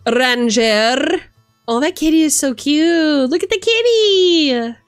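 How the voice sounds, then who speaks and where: Hosting a live book look-through, this woman streamer keeps her commentary casual, playful and theatrical, swinging from gushing exclamations to dry asides. Her voice is high with lively intonation and a slow pace, recorded dry with faint music behind.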